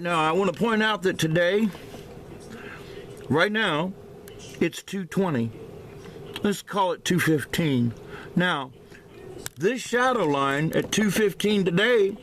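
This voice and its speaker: An amateur video blogger with a high voice talks casually to his handheld camera indoors by a window at home. He's hesitant and halting, often repeating himself, and a swollen mouth slightly slurs his words. The camera-mic recording is noisy.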